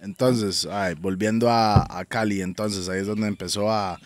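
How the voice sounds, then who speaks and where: A man's voice: on the low side, fairly even intonation, normal speed, over a noisy crowd. A man co-hosting, mostly adding short agreeing remarks. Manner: brief agreeing interjections. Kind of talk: casual interview chat.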